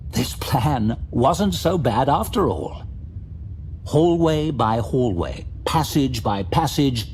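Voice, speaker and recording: This is dramatic, scripted fantasy audio drama narration by a man of medium pitch, with slight background noise. Loud, dramatic music runs under his voice throughout.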